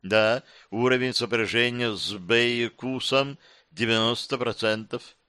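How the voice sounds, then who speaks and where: A man's voice: medium pitch, fairly even intonation, a little slow, sharp tone, clean tone, no room sound, clean studio sound. A man reading aloud and voicing a female ship AI hologram who talks in a metallic, toneless voice while computer processing. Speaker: audiobook narrator. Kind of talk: reading a sci-fi novel aloud.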